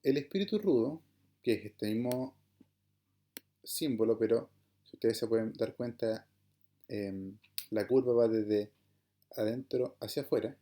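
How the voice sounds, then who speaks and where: A man's voice: mid-range voice, a little slow, pauses often, dark tone. A man teaching an online class, explaining patiently and often checking whether his students follow. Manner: patient, explanatory, checks understanding with "¿verdad?" and "¿bien?". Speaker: Greek teacher.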